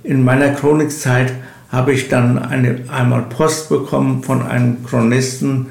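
Older man, interview storytelling, slow halting delivery, fry in the voice, roomy sound. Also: mid-range voice, little pitch movement, a little mellow. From village in eastern Germany. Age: 60s or older, retired. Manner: halting, searching for words. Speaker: local village chronicler, interview guest. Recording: roomy, echoing interview recording.

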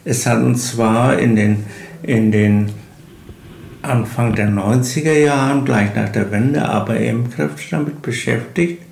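Older retired guy being interviewed, gravelly, takes his time, halting, echoey room. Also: medium pitch, fairly even intonation, a little mellow. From village in eastern Germany. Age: 60s or older, retired. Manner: halting, searching for words. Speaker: local village chronicler, interview guest. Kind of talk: unhurried interview storytelling. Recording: roomy, echoing interview recording.

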